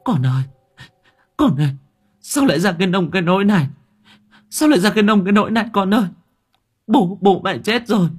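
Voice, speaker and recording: A man's voice: sits high, lively intonation, brisk, long pauses, slightly rough, pitched above the performer's own voice. A man voicing a village mother wailing over her dead son in an audiobook. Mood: wailing grief. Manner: wailing, sobbing lament.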